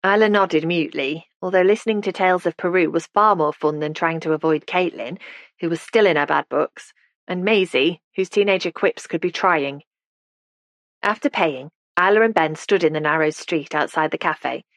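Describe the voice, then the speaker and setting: A woman narrating an audiobook in a measured, gentle storytelling manner, close to the mic. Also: on the low side, no room sound. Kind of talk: scripted narration.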